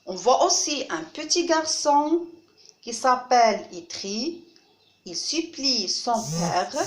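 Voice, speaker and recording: A woman with a North African French accent, teaching a phonics lesson to children, slow and deliberate and repeating each word to model how it sounds. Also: fairly high pitch, roomy sound. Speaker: primary school teacher.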